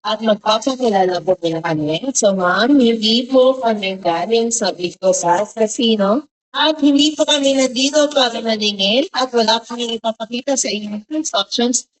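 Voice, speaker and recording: A woman's voice: a little high, moderate pace, rough recording. A woman hosting a surprise gift delivery who talks very politely, putting "ma'am" at the end of nearly every phrase.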